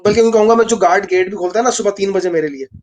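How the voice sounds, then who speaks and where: A man from Pakistan, an engineering professor telling a story fast and rambling, with many restarts, in a live online interview. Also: sits high, a little mellow. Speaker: engineering professor and lab director.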